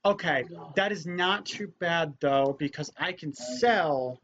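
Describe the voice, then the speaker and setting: Animated male gamer, casual and excitable. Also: a little high, slow pace. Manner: excitable, says dude often. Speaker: gamer commentating on a party board game. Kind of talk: casual let's play chat. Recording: dull mic with faint noise.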